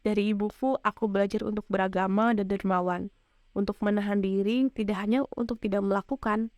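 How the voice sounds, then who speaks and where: A woman reads an audiobook aloud at a calm, measured pace. Her voice sits in a middle register and is recorded dry and close, with no room sound around it. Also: mid-range voice, dry recording. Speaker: audiobook narrator. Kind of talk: scripted audiobook narration.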